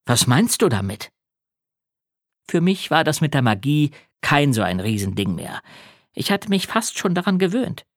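A man reading a first-person children's story aloud, telling it with animation. His pitch rises and falls a great deal, and the recording is dry and close with no room echo. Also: sing-song, moderate pace. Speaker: audiobook narrator. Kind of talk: scripted first-person narration.

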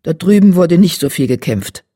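A narrator voicing a calm male cat who is a clan's deputy leader and a father, in a German audiobook. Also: mid-range voice, normal speed, no echo, clean studio sound, natural voice. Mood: steady. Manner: calm and steady. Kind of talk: audiobook character voice.

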